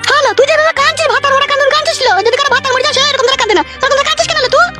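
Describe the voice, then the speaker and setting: A woman's voice: very high-pitched, steady tone, very fast. A woman playing a coarse, bossy middle-aged mother who scolds and mocks her family in a comic sketch. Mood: mocking. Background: music.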